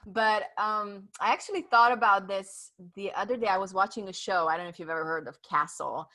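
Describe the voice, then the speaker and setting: A woman's voice: medium pitch, steady tone, fairly quick, sharp tone. A woman from Romania, a native Hungarian speaker, talking as a guest in a casual interview and telling her story earnestly with many fillers. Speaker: podcast guest, author.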